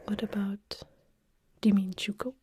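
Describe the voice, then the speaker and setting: A woman hosting an ASMR live stream, whispering softly as she reads out chat questions and answers them in a chatty way with lots of fillers. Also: medium pitch, little pitch movement, moderate pace, background noise. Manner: chatty with frequent fillers and restarts. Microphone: ASMR microphone with wind guards.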